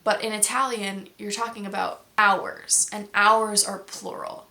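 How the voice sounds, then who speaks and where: A woman's voice: mid-range voice, level tone, unhurried, bright, forceful tone. A woman who hosts a language-learning video channel, chatting casually and explaining patiently with many examples. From United States. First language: English.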